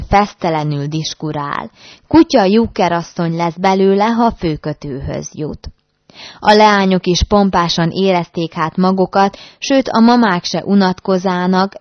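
A woman narrating a classic novel as an audiobook in a measured storytelling manner. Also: lowish voice, no room sound. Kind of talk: reading a classic novel aloud. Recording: dull dry recording.

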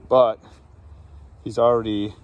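Slow low-voiced man outdoors. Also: flat delivery, phone-quality sound. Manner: unhurried, matter-of-fact, with frequent ums. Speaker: pigeon breeder. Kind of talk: casual show-and-tell. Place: backyard outdoors. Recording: faint outdoor background noise.

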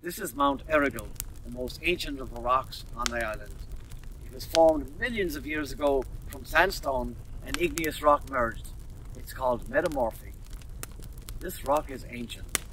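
A man voicing a calm, wise male wolfhound who teaches the children, heard from a slightly distant mic. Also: medium pitch, moderate pace, a little hiss or hum, close to an everyday voice.

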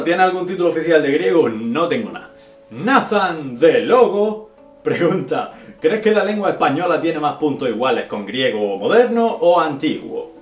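Young man, casual q&a vlog, chatty, echoey room, faint guitar behind. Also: fairly high pitch. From Spain. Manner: chatty, drops syllables as "pa'", frequent "¿vale?" and "¿no?". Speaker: YouTuber answering viewer questions.

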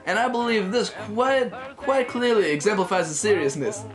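In a small wood-panelled room, a teenage male performs a scripted mock 1930s radio broadcast as a cheerful, flippant co-host in a chatty, hammy style. His voice is high and expressive at a normal speed, and music plays over it.

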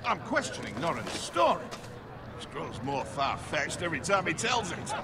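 Sardonic male soldier in a video game; high, lively, mocking delivery over heavy game noise. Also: normal speed. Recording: game audio with loud background noise.

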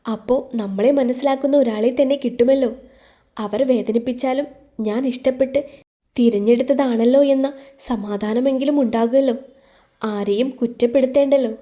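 A woman voicing a young woman who hides her heartbreak behind gentle teasing, in an audio storybook. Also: on the high side, natural voice.

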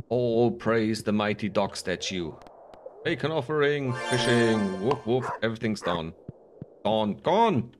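A man's voice: mid-range voice, a little hiss or hum. A man giving casual, jokey commentary while playing a farming game, rambling through asides. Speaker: gaming video host. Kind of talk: casual let's-play commentary. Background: game music.

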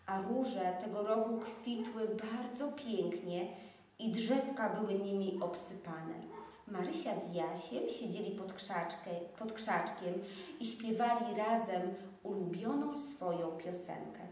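A woman reading a fairy tale aloud in a measured, expressive way, recorded in an echoey room from far off. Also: medium pitch, a little hiss or hum.

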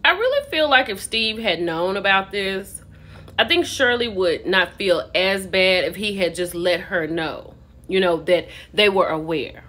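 In a medium-pitched, expressive voice with a sharp tone, this American gossip commentator in her thirties takes her time recapping events for her vlog. Her commentary is casual, chatty and full of opinions, with emphatic stress on key words.

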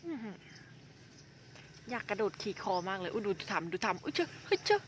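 A woman who owns an elephant, chatting excitedly and coaxing her animal while filming outdoors in the countryside. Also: medium pitch, a little fast, a little hiss or hum. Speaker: elephant owner and vlogger. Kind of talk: casual live commentary. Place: outdoors, rural.

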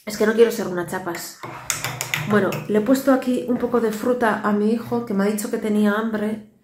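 Speaking a little fast in a steady, mid-range tone, this woman in her thirties vlogs about family life from a tiled home kitchen, with background noise and an echoey sound. A native Basque speaker with a Basque Spanish accent, she's tired and chatty, rambling and tossing in weary asides to a phone camera held at arm's length.

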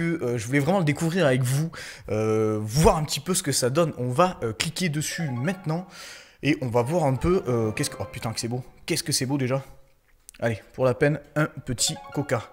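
A man giving casual gameplay commentary as a gaming YouTuber, hesitant with many fillers and restarts, breaking into excited outbursts. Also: mid-range voice.

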